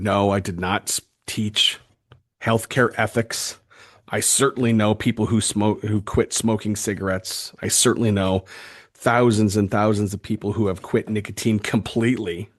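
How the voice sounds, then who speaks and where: A man hosting a solo podcast, talking earnestly and emphatically, often stammering and restarting his sentences. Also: lowish voice. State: fired up. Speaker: podcast host.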